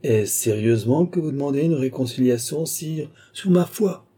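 A man's voice: mid-range voice, animated, normal speed, warm tone, slightly rough, voice pushed up. A man playing a haughty royal favourite. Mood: mocking. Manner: haughty, mocking, defiant. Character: proud, sharp-tongued woman, a royal favourite.

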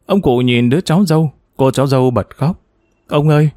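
A man's voice: mid-range voice, quick pace, warm tone, no room sound, clean studio sound. A man narrating a novel as an audiobook, storytelling expressively with varied pacing.

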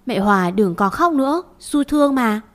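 A woman voicing a timid, sweet four-year-old girl who mumbles softly. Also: a little high, lively intonation, normal speed, lightly acted. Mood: timid childish. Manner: soft, mumbling childish talk.

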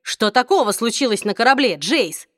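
A woman's voice: a little high, expressive, normal speed, a bit bright, no room sound, clean studio sound. A woman doing an urgent young man.

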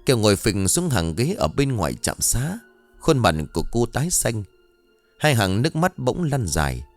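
A man narrating a ghost story in an expressive, dramatic scripted reading. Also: mid-range voice, normal speed, soft background music.

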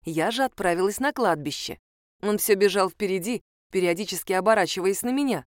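A woman narrating a first-person fantasy story in a calm, measured manner. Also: mid-range voice, no echo, clean studio sound. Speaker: audiobook narrator.

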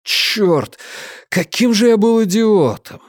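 A man's voice: high-pitched, animated, takes it slowly, no echo, studio quality, pitched above the performer's own voice. A man doing a furious jealous cop. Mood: agitated. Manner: angry, shouting, crude. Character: jealous hot-headed police officer.

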